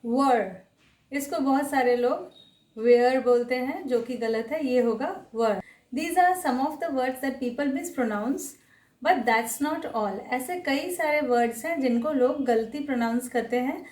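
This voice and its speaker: A woman teaching pronunciation in a slow, deliberate lesson, carefully repeating each word. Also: high-pitched, a little mellow, echoey room, distant mic. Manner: repeats each word carefully, mixing Hindi with English terms.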